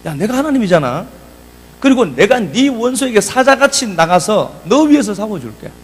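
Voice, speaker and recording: A man's voice: high-pitched, sing-song, normal speed, breathy edge, in a large hall, voice pushed up, exaggerated voice. A pastor voicing God as a protective, reassuring father, in plain, casual speech. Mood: assuring.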